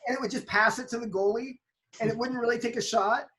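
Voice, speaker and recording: Her pitch is a little high and she talks fast as she animatedly narrates a soccer match play by play in relaxed podcast conversation, restarting often and leaning hard on words.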